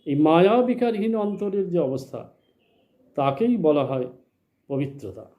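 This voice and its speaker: A man teaching a spiritual lesson in a measured, explanatory way, asking questions and then answering them himself. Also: a little high, expressive, dull audio. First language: Bengali. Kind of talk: slow spoken religious lecture.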